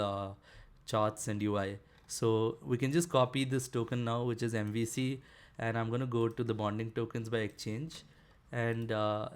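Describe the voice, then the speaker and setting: A man talks through a software tutorial at an ordinary mid pitch. His delivery is relaxed and conversational, with lots of small fillers and restarts as he clicks through a demo. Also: smooth. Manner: casual, filler-heavy explaining with frequent "uh" and "basically". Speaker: developer tutorial presenter. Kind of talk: screen-share coding tutorial.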